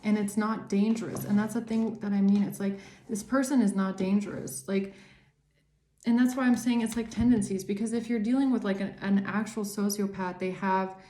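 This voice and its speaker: A woman's voice: mid-range voice, warm tone. A woman giving a casual tarot reading to camera, talking earnestly and rambling, often repeating words for emphasis. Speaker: tarot reader and psychic channeller. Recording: roomy echo.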